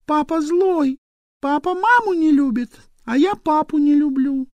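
A man's voice: unhurried, a little mellow, no echo. A man reading an audiobook aloud, voicing a sulky little girl who whines at her father. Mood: whining. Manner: whining, shrill complaining. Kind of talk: audiobook character voice.

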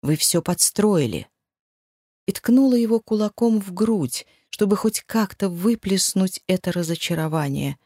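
A woman reading a first-person novel aloud, with an expressive, emotional delivery. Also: medium pitch, normal speed, hardly any pauses, no echo, studio quality. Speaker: audiobook narrator. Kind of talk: first-person audiobook narration.

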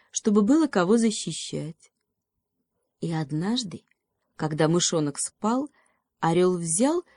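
A woman narrating fairy tales for an audiobook, in a gentle, unhurried storytelling manner. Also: lowish voice, dry recording. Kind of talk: fairy tale reading.

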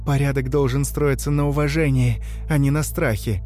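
A man's voice: mid-range voice, fairly even intonation, normal speed, warm tone, soft background music, pitched above the performer's own voice, lightly acted. A man voicing a frightened, grieving captive woman who answers faintly and reluctantly.

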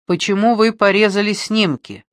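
A reader voicing a calm male police detective who questions softly and persistently in an audiobook. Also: mid-range voice, moderate pace, dry recording, studio quality, pitched above the performer's own voice, close to an everyday voice. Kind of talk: audiobook reading.

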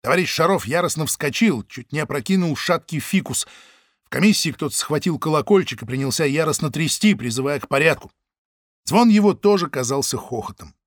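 Male audiobook narrator, lively expressive voice, slightly high, dry close sound. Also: fairly quick, no echo. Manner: vivid, expressive storytelling. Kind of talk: scripted narration.

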